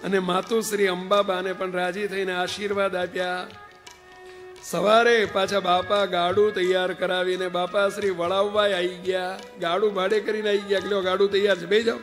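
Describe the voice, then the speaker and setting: Male preacher with a high voice, telling stories in a sermon and speaking straight to the audience, with long hall reverb. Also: flat delivery, moderate pace, a bit bright, faint music behind. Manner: narrates anecdotes and addresses listeners directly. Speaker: spiritual preacher. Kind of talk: storytelling sermon explaining a devotional hymn.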